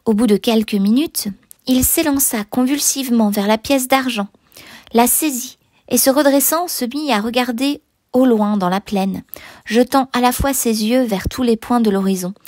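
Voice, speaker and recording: A woman narrating a classic novel in a measured, expressive reading that sometimes sinks to a near whisper. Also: fairly high pitch, no echo, clean studio sound. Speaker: audiobook narrator.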